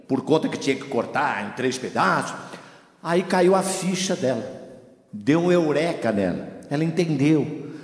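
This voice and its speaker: A man preaching as a guest pastor in a church, telling a story and acting out its dialogue. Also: a little high. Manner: storytelling with lively acted-out dialogue. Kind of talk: sermon. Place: church hall. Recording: echoey church hall.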